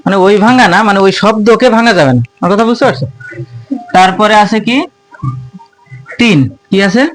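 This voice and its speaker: Guy teaching grammar to students, fairly high voice, keeps asking then answering himself, chatty and informal. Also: moderate pace, a bit bright, soft background music. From Bangladesh. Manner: asks questions then answers them, repeats key terms; colloquial, informal address to students. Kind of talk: classroom grammar lesson.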